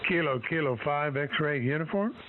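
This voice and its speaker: Brief: ham operator, man, heard over a hissy shortwave radio link, plain-spoken and frank, voice slightly high. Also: normal speed. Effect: received over shortwave radio, hissy and narrowband. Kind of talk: ham radio contact exchange. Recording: narrow radio band with steady hiss.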